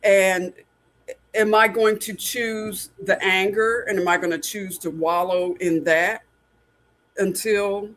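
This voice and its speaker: Slow-talking earnest man in his sixties. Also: sits high, fairly even intonation, a bit bright. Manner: earnest, openly personal. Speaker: podcast host. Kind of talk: casual podcast conversation.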